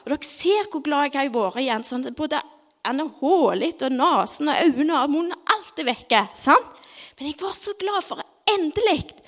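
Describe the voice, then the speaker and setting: A woman giving a devotional talk, telling a personal story expressively and often dropping into dramatic whispers, then praying softly. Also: sits high. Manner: soft, half-whispered prayer. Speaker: speaker at a devotional gathering.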